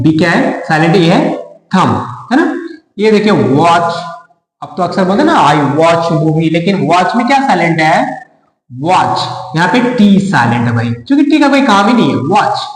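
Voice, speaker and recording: High-voiced man teaching in an echoey room. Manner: playful, chatty, teasing asides. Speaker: English pronunciation teacher. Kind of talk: casual spoken lesson. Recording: echoey room with long reverb.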